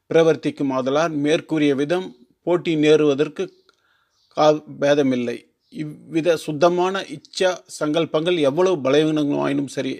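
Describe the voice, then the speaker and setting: A man reading a formal religious text aloud, slow and careful, sometimes restarting long words. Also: a little high, creaky, darkish tone. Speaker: teacher.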